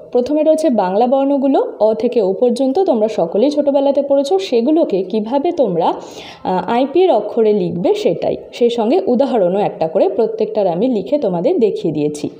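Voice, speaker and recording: In a screen-recorded lesson on phonetic symbols, a woman teacher speaks directly to her students, patiently guiding them step by step. Her voice is warm and on the high side, though the audio sounds dull.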